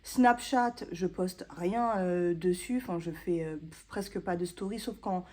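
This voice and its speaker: French woman in her thirties, chatty self-mocking vlogger, soft mellow tone, casual talk to camera. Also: fairly low pitch, unhurried. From France. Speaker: booktuber. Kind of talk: casual vlog chat to camera.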